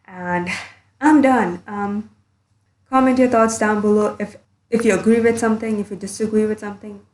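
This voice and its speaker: A woman's voice: mid-range voice, steady tone, normal speed, darkish tone, roomy sound. A woman doing a blunt, earnest commentary monologue as a YouTuber, recording under a blanket. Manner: blunt, earnest, a bit sweary.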